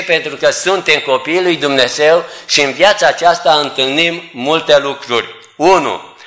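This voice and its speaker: A man's voice: a little high, sharp tone. A man preaching a church sermon, earnestly addressing the congregation as beloved. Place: church assembly hall. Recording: echoey hall.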